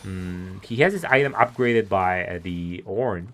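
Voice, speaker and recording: Low-voiced man casting esports solo. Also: measured pace, fairly bright tone. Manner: analytical, musing, chuckling between thoughts. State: voice wearing thin. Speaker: esports caster. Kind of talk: live solo esports commentary.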